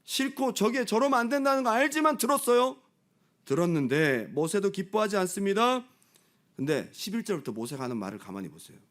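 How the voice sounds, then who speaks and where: Animated Korean pastor, lively high voice. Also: male voice, fairly quick. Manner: animated, acts out crowd voices and quotes. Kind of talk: Bible study sermon. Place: church.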